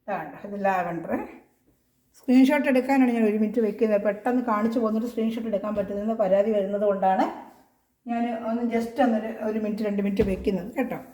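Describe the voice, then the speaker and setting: A quick-talking woman from Kerala shows off clothes in a casual home selling video. Her voice is mellow and rings in an echoey room. She pushes her volume up and keeps checking that viewers are following. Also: mid-range voice, a little hiss or hum. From Kerala, India. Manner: chatty, reassuring, repeats tag questions; speaks as loudly as she can. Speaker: online clothing seller. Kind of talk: casual product showcase.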